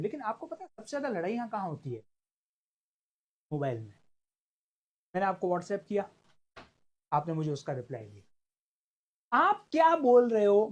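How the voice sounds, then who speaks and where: Male law tutor for online exam prep: animated delivery, a lively up-and-down pitch, acts out little exchanges, drags out key terms. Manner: stretches key words for emphasis. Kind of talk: online class lecture.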